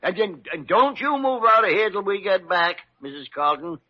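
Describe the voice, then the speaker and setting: Gruff old doctor, swooping emphatic delivery. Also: male voice, high voice, sing-song, normal speed. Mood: angry, scolding. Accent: American. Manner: brusque, scolding, emphatic. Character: gruff, blunt, commanding old senior doctor. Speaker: actor in a radio drama. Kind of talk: classic American radio drama acting. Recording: dull, band-limited old radio recording.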